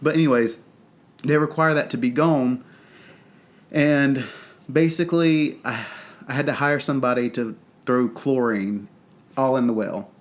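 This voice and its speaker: Unhurried and prone to long pauses, a North Carolina man with a Southern US accent chats casually as a podcast co-host. His mid-range voice sounds stuffed-up and congested, and his talk rambles, chatty and full of fillers.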